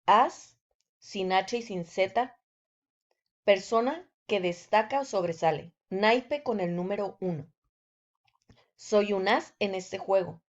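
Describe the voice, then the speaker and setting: Female teacher, measured scripted lesson delivery, slow pace, slightly muffled recording. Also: mid-range voice. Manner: slow, deliberate delivery with example sentences. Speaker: language teacher.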